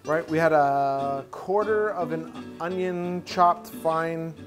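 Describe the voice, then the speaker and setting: Man, 30s, cooking show host, chatty, recaps steps, slightly high voice, lapel mic, home kitchen. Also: steady tone, slow. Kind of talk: casual cooking show hosting. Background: guitar music.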